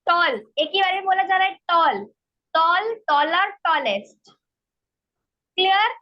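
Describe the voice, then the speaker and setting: A woman teaching an online English grammar class, explaining slowly and step by step and often checking that students follow. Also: extremely high pitch, animated. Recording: dull lo-fi online class audio.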